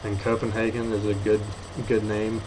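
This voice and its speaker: An eighteen-year-old amateur video reviewer rambles casually from his apartment bedroom at a moderate pace, his low, very flat voice slightly muffled by a lip full of dip. He sounds low-key, hesitant, and offhand, and the room recording carries audible noise.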